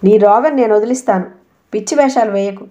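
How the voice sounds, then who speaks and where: A woman reading the part of a drunk, domineering husband in an audiobook, with gruff threats and taunts. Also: mid-range voice, brisk, dark tone, close to an everyday voice. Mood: gruff angry.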